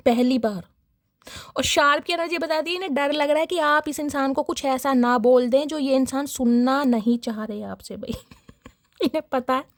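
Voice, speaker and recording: A woman's voice: sits high, no room sound, clean studio sound. A young woman giving a casual tarot reading to her viewers, dramatic and chatty, often laughing and calling out to her audience. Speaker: tarot reader.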